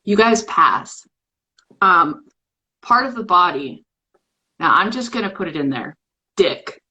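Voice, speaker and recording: A woman's voice: lowish voice, animated, slow, pushed and bright, slightly rough, low-quality recording. A woman hosting a live poetry stream, chatty and playful as she runs a word game with viewers, speaking into a phone or webcam mic. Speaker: host of a live poetry show. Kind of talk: casual live-stream chat.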